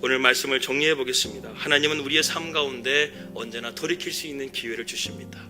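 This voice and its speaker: A man preaching a Sunday sermon as pastor, earnest and steady, acting out quoted lines in a slower voice. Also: mid-range voice, music in the background. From South Korea. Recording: church service recording.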